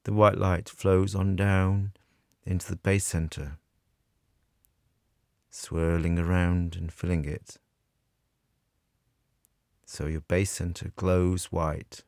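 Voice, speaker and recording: Very deep, slow, gravelly male meditation guide. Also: little pitch movement, a little mellow, no room sound, clean studio sound. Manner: soothing, measured, with long pauses. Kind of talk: guided meditation narration, scripted.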